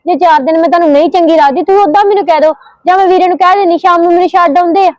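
A young woman playing a sharp-tongued, scheming sister-in-law in a short home drama, talking back indignantly. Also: very high-pitched, fairly even intonation, dry recording, rough recording. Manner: rapid, retorting, indignant. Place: home, indoors.

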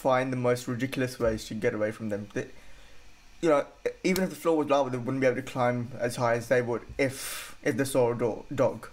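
A man's voice: mid-range voice, a little fast, a little hiss or hum. A young man chatting casually as he comments on short clips as a reaction host. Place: bedroom, indoors. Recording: music and clip audio behind.

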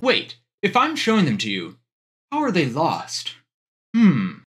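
A man's voice: fairly high pitch, huge pitch swings, unhurried. A young man who creates gaming videos, singing a parody carol with self-mocking, swearing spoken asides. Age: young adult. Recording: music behind the voice. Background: jingling Christmas music.

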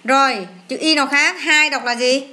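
Female English tutor, high bright voice, coaxing question-and-answer style. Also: normal speed. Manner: coaxing, asks questions and answers them herself. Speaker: English teacher. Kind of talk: explaining test answers to a child.

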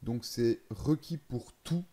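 A man's voice: medium pitch, slow pace, mellow. A man casually explaining a game's settings, thinking aloud, hesitating and correcting himself as he goes. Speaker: gaming video creator.

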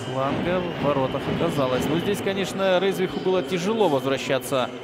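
A man commentating live on ice hockey, with excited goal calls. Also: on the high side, fairly quick. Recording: very noisy arena, loud background ambience.

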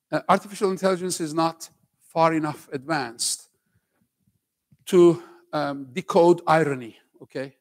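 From the stage of a large auditorium, a somewhat high-voiced older professor from Turkey, lightly accented, delivers a lively lecture to a school audience. He's loose and conversational, cracks jokes with the crowd, and keeps tacking on "okay?"

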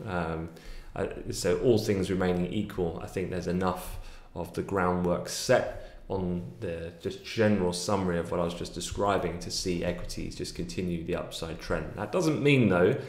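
A low-voiced man in his thirties talks through the markets in a fluent, analytical way, with plenty of fillers as he goes. He speaks from a small home office on a desk webcam, and the room adds a noticeable echo. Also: normal speed, few pauses, a little mellow. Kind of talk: daily market commentary.

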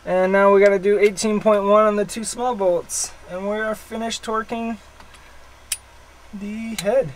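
A man with a notably high voice explains each step of a boat engine rebuild in a relaxed, chatty way, poking fun at himself now and then. He is working below deck in a cramped engine bay, close to the camera, with a faint background hum. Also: measured pace, low-quality recording. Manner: chatty, explanatory, self-deprecating. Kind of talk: casual how-to narration.

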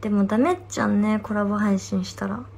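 Livestreaming from her phone, this Fukuoka idol in her twenties reads fan comments aloud and responds in a chatty way, occasionally slipping into quiet whispers. Her Hakata-accented voice is mid-range, creaky and fast, with a steady tone.

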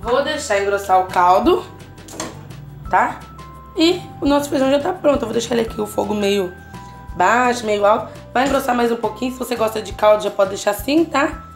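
This casual home cooking tutorial features a chatty cooking channel host with a Brazilian Portuguese accent, working at the stove in her home kitchen. Her fairly high voice moves a little fast as she talks through the recipe, constantly checking in with the viewer, with soft background music behind her.

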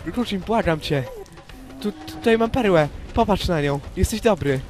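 Guy doing a jumpy hermit adventurer in minecraft, mumbling to himself, loud game music behind him. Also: medium pitch, a little slow, natural voice. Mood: pleading. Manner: nervous, talks to himself while exploring. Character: young male hermit adventurer, anxious but loyal. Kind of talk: Minecraft role-play narration.

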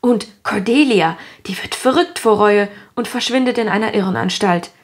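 A woman's voice: medium pitch, normal speed, close to an everyday voice. Anne, a dramatic orphan girl, voiced by a woman. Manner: theatrical, gushing storyteller. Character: imaginative dramatic orphan girl, about eleven. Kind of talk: audiobook character voice.

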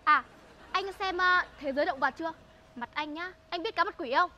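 A mouthy young student who teases and then wheedles in a sing-song way, played by a woman in a comedy sketch. Her voice is very high and bright, with a faint hum of noise behind it. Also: normal speed, highs cut off, full character voice. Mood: mocking. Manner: cheeky, mocking, sing-song pleading. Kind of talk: web comedy sketch acting.

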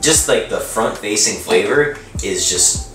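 Male co-reviewer, twenties, deep voice, easygoing and agreeable, casual chat in an echoey room. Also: expressive, measured pace. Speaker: whiskey reviewer, co-host. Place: small room with home bar, indoors. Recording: roomy echo, slightly distant mic, music behind.

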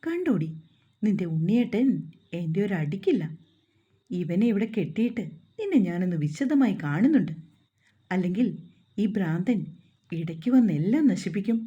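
A woman's voice: medium pitch, lively intonation, normal speed, long pauses, mellow, husky, dull audio. A woman voicing a cruel young man who mocks and threatens. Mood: menacing. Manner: sneering, menacing.

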